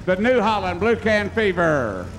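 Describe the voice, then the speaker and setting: A man with a very high voice announces a tractor pull. He talks in a folksy, chatty style, and his words echo long over the engine noise. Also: very animated, measured pace.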